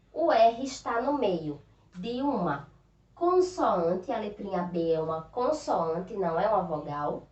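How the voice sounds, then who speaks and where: Slow, patient Brazilian teacher for young children. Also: female voice, on the high side. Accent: Northeastern Brazilian Portuguese. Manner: slow, patient, stretches out words and sounds for children. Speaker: primary school teacher. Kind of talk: recorded remote lesson for young children. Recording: roomy, distant, dull lo-fi sound.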